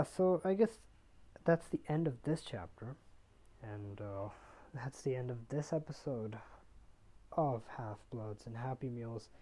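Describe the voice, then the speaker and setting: A young man rambles through a book chapter on his podcast, full of "uh"s and "like"s as he slips into quick voices for the characters. His voice is mellow and of middle pitch. He records on a tablet while sitting on his bed. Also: a little hiss or hum. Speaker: podcast host. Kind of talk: casual book recap. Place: bedroom, on a bed. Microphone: tablet built-in mic.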